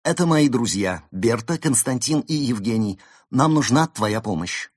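A man voicing a determined male fox leading his friends in a storybook reading, firm and earnest with a husky tone. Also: mid-range voice, animated, unhurried, no room sound, studio quality.

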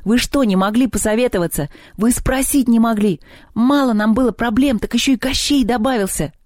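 A storyteller reading the lines of a bossy, hot-tempered schoolboy who snaps and shouts at his friends. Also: medium pitch, a little fast, no room sound, clean studio sound, close to an everyday voice. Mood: angry. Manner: curt, snapping, bursts into shouting.

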